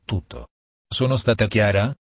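A man voicing a stern, resolute female being who issues threats, husky and low in a dry recording. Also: measured pace, no echo, exaggerated voice.

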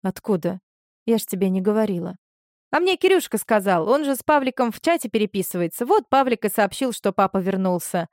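A woman's voice: medium pitch, fairly quick, dry recording, studio quality, natural voice. A woman voicing a chatty female friend talking on the phone. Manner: lively, gossipy.

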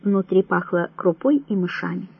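A woman narrating an audiobook in a measured, even storytelling manner, with a husky voice. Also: fairly low pitch, no room sound. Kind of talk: scripted narration. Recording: dull lo-fi dry recording.

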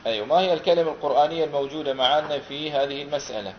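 In this roomy, dull lo-fi classroom recording with slight background noise, a man whose voice is a little high races through a Quran recitation lesson. He asks his students questions and patiently repeats what they answer.

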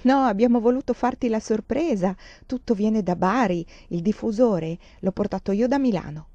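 A woman's voice: mid-range voice, normal speed, warm tone, dry recording, highs cut off, natural voice. A woman reading aloud and voicing a proud, talkative middle-aged father with a boastful manner. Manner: boastful, chatty.

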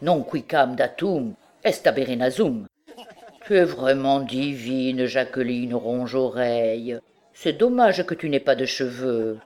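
A woman's voice: extremely low pitch, expressive, slow, warm tone, heavily acted. Boisterous tipsy young scholar as a woman reads him, boastful, exclaiming, audiobook. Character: rowdy drunken young male student, boastful. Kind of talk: audiobook character reading.

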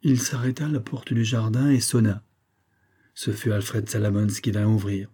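Low, dark, husky male narrator. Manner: steady, measured reading. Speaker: audiobook narrator. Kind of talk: scripted narration of a classic novel.

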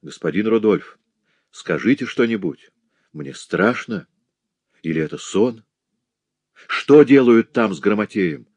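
A man reading an audiobook, voicing a frightened rough thug with a trembling voice. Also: fairly low pitch, expressive, measured pace, pauses often, a little mellow, no echo. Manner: trembling, fearful.

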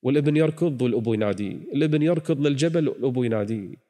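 Dramatic preacher, echoing hall. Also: male voice, mid-range voice, rapid-fire. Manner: dramatic, swings from hushed to near-shouted pleading. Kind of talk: dramatic religious storytelling. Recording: long hall reverb.

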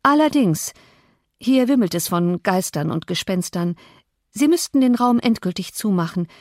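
A woman reader voicing a polite young gentleman guest, frightened and agitated. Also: medium pitch, expressive, normal speed, no echo, studio quality, close to an everyday voice. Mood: apologetic.

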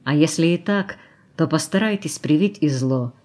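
A woman voicing a soft-spoken young man who sounds quietly bitter and reproachful, in an audiobook. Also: deep voice, moderate pace, lightly acted.

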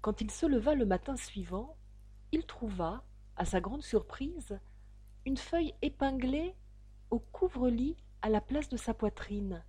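A woman narrating a classic novel aloud in a measured, steady reading voice, close to the microphone. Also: a little high, breathy edge, no echo. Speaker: audiobook narrator.

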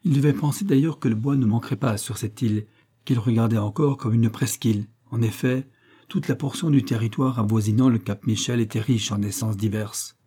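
Mellow-voiced man reading a novel. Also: medium pitch, husky. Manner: measured reading, lifts his voice for dialogue. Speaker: audiobook narrator. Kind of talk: reading a classic novel aloud.

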